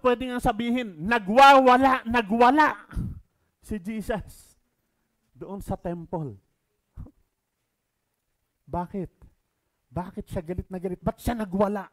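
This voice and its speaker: A middle-aged Filipino-accented man delivering a radio sermon, his voice sitting a little high for a man. He drops into soft, conversational asides, then rises into loud, forceful reading. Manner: switches between Tagalog and English, swings from quiet asides to loud emphatic reading.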